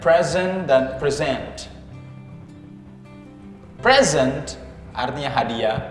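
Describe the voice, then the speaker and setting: A man with an Indonesian accent teaching English pronunciation in casual chat, patiently explaining and slowly modeling words. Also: on the high side, lively intonation. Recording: echoey room with guitar music.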